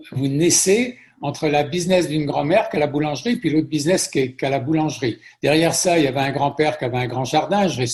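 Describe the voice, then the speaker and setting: Middle-aged French-born man, interview guest, gravelly voice, chatty storyteller who repeats himself. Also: on the high side. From France. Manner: warm storytelling with frequent repetitions. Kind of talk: conversational interview.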